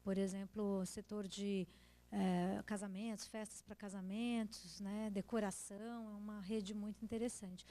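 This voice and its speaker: A woman's voice: mid-range voice, flat delivery, moderate pace, warm tone. A woman with a Brazilian accent speaking at a conference, answering audience questions in an explanatory way with examples.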